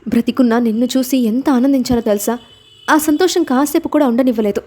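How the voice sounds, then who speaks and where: A woman's voice: a little high, racing, warm tone, lightly acted. A woman voicing a distraught young woman who speaks tearfully and reproachfully in a storybook reading. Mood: tearful reproach.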